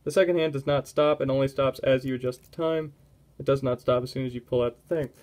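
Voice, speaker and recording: A young man giving a casual watch review at home, relaxed and rambling, often breaking off mid-thought. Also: medium pitch, fast talker. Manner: relaxed, rambling, self-interrupting. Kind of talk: casual product review vlog.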